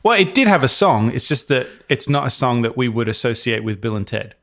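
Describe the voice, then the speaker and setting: A man's voice: medium pitch, sing-song, brisk, fairly bright tone. A man co-hosting a podcast, chatting casually in a blunt, sweary way. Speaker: podcast co-host. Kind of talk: casual chat.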